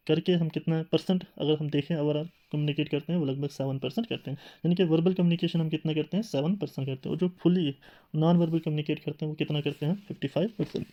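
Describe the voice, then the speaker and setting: A man's voice: on the high side, dull audio. A man teaching a classroom lecture in tinged speech, explaining step by step with rhetorical questions and filler sounds.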